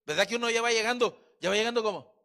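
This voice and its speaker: A middle-aged male pastor preaching a sermon in church, swinging between loud exhortation and soft, chatty asides. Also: very high-pitched, fast talker.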